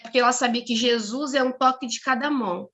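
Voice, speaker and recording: A middle-aged woman with a Brazilian Portuguese accent, telling a personal church testimony in an animated way, acting out the voices of the people in her story and often repeating words. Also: fairly high pitch, fairly quick. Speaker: church member giving a testimony.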